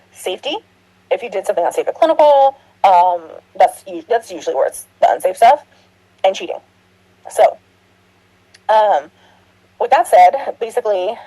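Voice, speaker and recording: Chatty woman nursing instructor, mellow voice. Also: mid-range voice, rough recording. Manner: chatty, rambling, frequent laughs and restarts. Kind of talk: recorded orientation lecture. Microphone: computer mic, screen recording.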